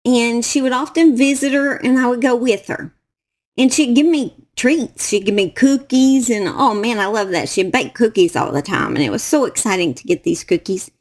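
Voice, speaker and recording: A middle-aged woman with a Southern US accent speaks in a somewhat high voice. She tells her own story to camera in a halting, emotional way and circles back over the same phrases. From Southern United States. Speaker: true crime YouTuber.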